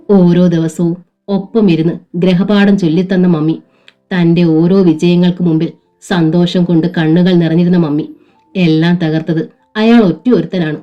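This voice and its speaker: Woman narrator, low and mellow, emotive novel reading, dull lo-fi with faint music. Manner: steady, emotive storytelling. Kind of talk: scripted narration of a serialized novel.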